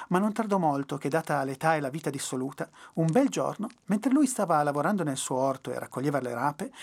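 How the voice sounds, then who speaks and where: Animated, husky storyteller. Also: medium pitch. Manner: expressive, animated reading. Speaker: podcast storyteller. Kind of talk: storybook narration.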